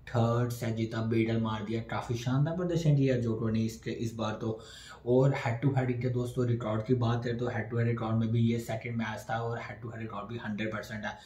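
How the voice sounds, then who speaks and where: A man's voice: medium pitch, warm tone. A young man recording a tennis post-match analysis to camera in a small indoor room, chatty and repetitive, calling his viewers friends. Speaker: tennis vlogger. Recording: echoey room.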